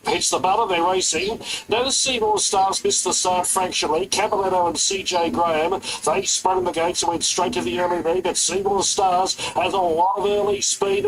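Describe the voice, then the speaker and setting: A man's voice: high voice, vocal fry, low-quality recording. A man working as a race caller, giving live horse racing commentary.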